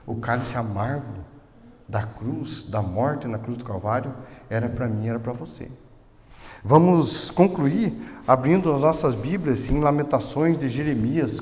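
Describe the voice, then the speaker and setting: A man with a Brazilian Portuguese accent preaching a sermon as pastor, moving between soft storytelling and loud, emotional preaching. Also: medium pitch, slight background noise. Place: church hall. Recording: echoey hall with long reverb.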